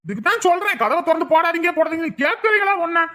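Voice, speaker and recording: A woman's voice: extremely high pitch, big pitch swings, very fast, sharp tone, full character voice. A woman voicing a scolding middle-aged village husband in a cartoon, with a Kanyakumari Tamil accent. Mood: complaining. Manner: nagging, blaming. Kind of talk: cartoon voice acting.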